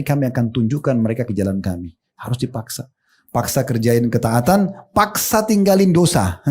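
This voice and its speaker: Mellow-voiced man preaching a casual sermon. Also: on the high side. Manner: conversational, addresses listeners as Bu and Pak, acts out their replies. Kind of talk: sermon to a women's study group.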